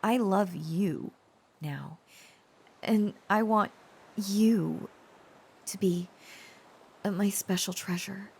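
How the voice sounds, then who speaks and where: A voice actor with a mid-range voice plays a shy, protective lover descended from dragons in an intimate romantic audio roleplay. She speaks haltingly and earnestly, often sinking into a breathy whisper.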